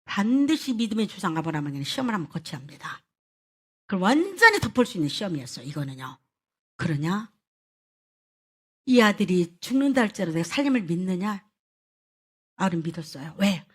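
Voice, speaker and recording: A woman pastor preaching a sermon, telling stories in an animated way and addressing the congregation directly. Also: fairly low pitch, fairly quick, long pauses, husky.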